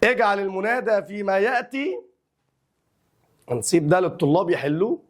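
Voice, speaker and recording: A young adult man with an Egyptian accent and a high-pitched, very animated voice teaches an Arabic grammar lesson. He draws out the example phrases slowly, then explains them briskly in colloquial speech.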